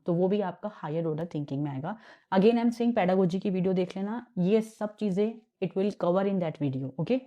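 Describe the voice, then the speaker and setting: A woman's voice: lowish voice, highs cut off. A woman with an Indian accent teaching an exam revision lesson, switching between Hindi and English and asking her students questions as she explains.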